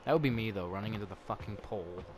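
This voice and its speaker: A man's voice: lowish voice, racing, heavy background noise. A man giving casual, profane commentary while playing a video game. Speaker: gaming YouTuber. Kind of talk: let's play commentary.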